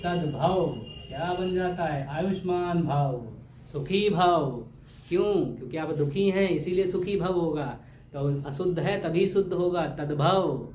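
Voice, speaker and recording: In this exam-prep grammar lesson, a man whose voice sits a little high and a bit mellow speaks at a measured pace, quizzing students repeatedly and echoing their answers with playful, homely humor. The audio sounds dull, with room echo and a faint hum in the background.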